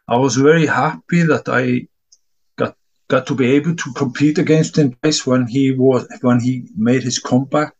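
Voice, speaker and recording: Speaking at medium pitch with a slightly mellow quality, this middle-aged man from Iceland coaches discus and responds sincerely to interview questions in his non-native English, frequently repeating words as he thinks. He's at home, and the audio has its highs cut off.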